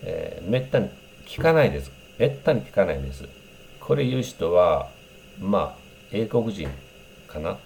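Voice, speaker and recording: A man's voice: sits low, very animated, moderate pace, gravelly, darkish tone, slight background noise. A man explaining English greetings in a casual lesson, thinking aloud with many fillers and breaking into example phrases in English. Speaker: English teacher.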